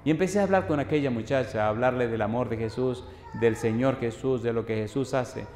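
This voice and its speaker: A man's voice: medium pitch, a little fast, darkish tone. A male pastor preaching a sermon, telling a story and rising to fervent appeals. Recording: echoey hall with faint noise.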